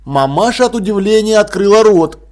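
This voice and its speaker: A man narrating an audiobook in an expressive, lively storytelling manner. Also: high-pitched, fairly quick. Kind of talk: audiobook reading.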